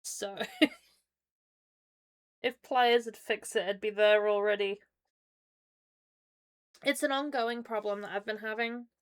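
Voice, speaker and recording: A woman's voice: mid-range voice, steady tone, slow, long pauses, clear, resonant tone. A British woman chatting casually as a live streamer, talking through a painfully swollen mouth from dental trouble, in an informal, apologetic way. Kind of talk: casual livestream chat.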